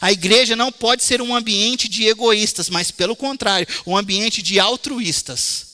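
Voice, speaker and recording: Male pastor from Brazil, very high, piercing voice, lively sermon in a reverberant church hall. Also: moderate pace. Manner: animated storytelling, addresses congregation as brothers. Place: church sanctuary.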